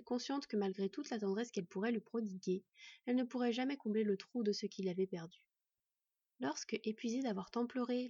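A woman reading a fantasy storybook aloud in measured, gentle narration. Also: a little high, slightly rough, dry recording, lo-fi sound. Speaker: audiobook narrator.

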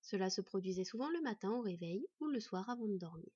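A woman narrating a fantasy story in a steady, measured reading voice. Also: mid-range voice, slightly rough, dry recording. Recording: dry, slightly dull recording.

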